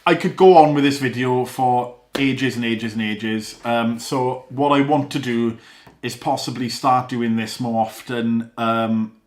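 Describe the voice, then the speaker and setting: A young father talks earnestly about parenting at home, in a mid-pitched voice with a rambling, self-correcting flow. His voice bounces around an echoey living room. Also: fairly even intonation, unhurried, darkish tone. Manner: earnest, rambling, with small laughs and restarts. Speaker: father and vlogger. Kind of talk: casual vlog talk to camera.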